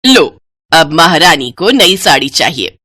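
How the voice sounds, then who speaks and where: A woman's voice: sits low, expressive, normal speed, pushed and bright, no echo, studio quality, voice pushed down, full character voice. A woman voicing a harsh, bossy older mother-in-law who scolds with contempt. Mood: scornful.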